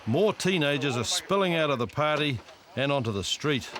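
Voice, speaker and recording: A man's voice: fairly high pitch, lively intonation, normal speed, background noise. A man with a New Zealand accent reading scripted narration for a police documentary. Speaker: reality show narrator.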